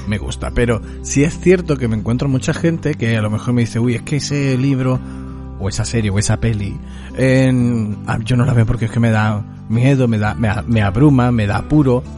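A man with a Spain accent chats casually as a radio host. His mid-pitched voice runs on in a chatty way, repeating words for emphasis. Music plays behind him. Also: normal speed.

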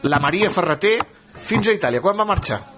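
A male radio host introducing a guest and asking him questions in a brisk, friendly way. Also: high voice, lively intonation, a bit bright, a little hiss or hum. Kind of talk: radio magazine interview.

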